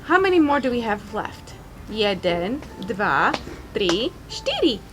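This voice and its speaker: High, slow, singsong woman talking to a toddler. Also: sing-song, music in the background. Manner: reading-to-a-toddler delivery: encouraging, repeats words slowly for a small child. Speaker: language teacher and parent guiding a young child. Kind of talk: children's language lesson, talking to a toddler.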